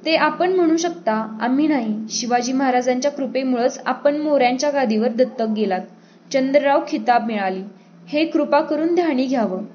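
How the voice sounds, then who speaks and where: A woman reader voicing a steady, dignified male royal envoy who speaks firmly and measuredly. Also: sits high, dull audio, a little hiss or hum, close to an everyday voice. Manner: firm, measured, stern.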